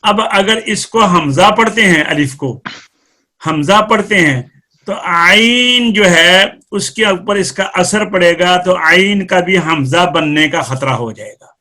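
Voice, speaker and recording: A man's voice: high voice, pushed and bright. A man with a Pakistani Urdu accent teaching Quran recitation rules in a live class, explaining step by step and quizzing students by name.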